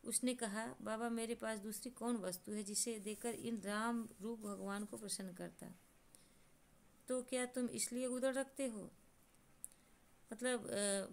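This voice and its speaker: Young woman teacher, mid pitch, talking a class through a story line by line. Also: darkish tone. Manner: retells and paraphrases lines, with many fillers. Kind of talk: explaining a Hindi lesson story.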